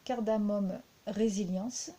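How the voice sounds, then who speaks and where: A woman's voice: mid-range voice, fairly even intonation, slow pace, warm tone. A woman with a French accent reviewing a deck of cards, talking unhurriedly with frequent fillers and repeated words.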